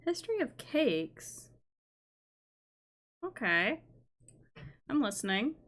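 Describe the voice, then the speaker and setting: A woman's voice: fairly high pitch, sing-song, takes it slowly, fairly bright tone. A woman streaming from home, chatting casually and swearing freely as she watches videos. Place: indoors at home.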